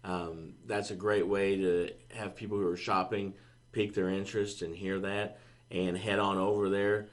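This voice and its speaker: Deep flat-voiced man giving advice. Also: moderate pace. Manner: steady, easygoing advice with fillers. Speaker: podcast co-host, marketing staff. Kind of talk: casual business podcast chat.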